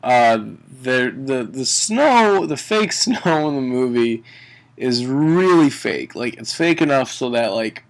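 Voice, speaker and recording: Tipsy man with slow, creaky delivery. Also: mid-range voice, lively intonation, rough recording. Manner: tipsy, drunken rambling delivery; halting, sweary, often chuckling mid-sentence. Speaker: film reviewer. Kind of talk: casual comedic movie review.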